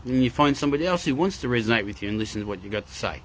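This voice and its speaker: A man's voice: mid-range voice, expressive, racing, a little hiss or hum. A man hosting a live spiritual talk, speaking earnestly and emphatically, often repeating phrases and greeting viewers in the chat. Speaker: spiritual livestream host.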